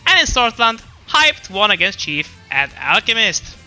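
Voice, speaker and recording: A man presents a slideshow recapping a regional esports scene, reading out results with chatty, self-deprecating asides and laughing at his own jokes. His voice sits high and sing-song, bright and forceful at a measured pace, with faint music behind.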